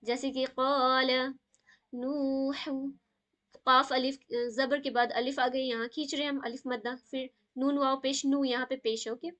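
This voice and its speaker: A woman's voice: sits high, steady tone, hardly any pauses, fairly bright tone. A woman teaching a live online tajweed class over a video call. She keeps checking in with "okay?" and mixes in English words.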